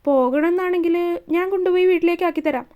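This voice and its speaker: A woman's voice: very high-pitched, fast talker, dark tone. A woman voicing a curt, protective young man. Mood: firm. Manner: curt, scolding.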